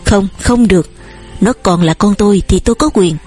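A woman with a breathy voice reading the lines of a stern old farmer father who shouts and scolds in an audiobook. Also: medium pitch, moderate pace, faint music behind, lightly acted. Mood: angry.

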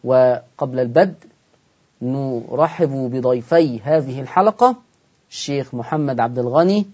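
A man's voice: medium pitch, moderate pace, darkish tone, husky. Egyptian guy teaching quran reading on tv, quizzes the viewers then answers, kinda muffled lo-fi sound. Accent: Egyptian Arabic. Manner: asks the audience questions and answers them himself. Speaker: Quran recitation teacher and host. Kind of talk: televised recitation lesson.

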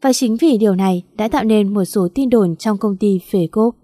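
A woman narrating a romance story as a scripted audiobook reading, in an even, unhurried manner. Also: mid-range voice, no room sound, studio quality.

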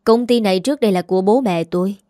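A woman voicing a bold, scheming young woman who speaks in accusing, sharp-tongued lines in a spoken story. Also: mid-range voice, quick pace, dry recording, clean studio sound, lightly acted. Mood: defiant.

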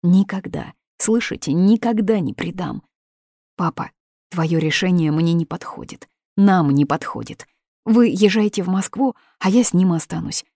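A woman's voice: deep voice, moderate pace, darkish tone, slightly rough, dry recording, studio quality. A woman voicing a desperate young woman in love, pleading in urgent outbursts. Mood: frantic.

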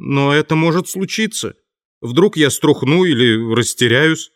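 A man's voice: on the high side, animated, unhurried, pitched above the performer's own voice. A man voicing a downtrodden male tramp who pleads and complains, close to tears, in an audiobook. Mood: pleading. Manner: plaintive, near tears.

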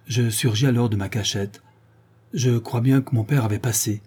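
A man narrating an audiobook in a steady, measured storytelling manner. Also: medium pitch, slightly rough. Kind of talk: scripted narration.

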